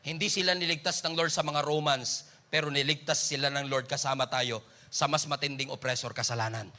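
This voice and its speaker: This sermon, preached by a man with a Filipino accent in Tagalog and English, moves briskly with fairly even intonation, though it alternates between loud outbursts and soft, low lines.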